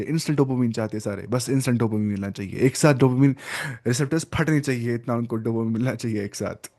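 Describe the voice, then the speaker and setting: A man teaching an online Arabic lesson, talking fast and putting questions to his learners. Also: medium pitch, darkish tone, no room sound, clean studio sound. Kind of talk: online language lesson in Hindi-Urdu.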